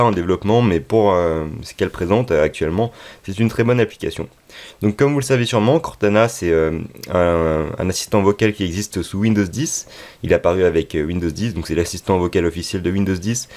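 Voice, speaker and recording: A man presenting an app tutorial off the cuff, with a hesitant delivery and frequent pauses. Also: deep voice, darkish tone. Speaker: tech video presenter. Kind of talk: unscripted app tutorial narration.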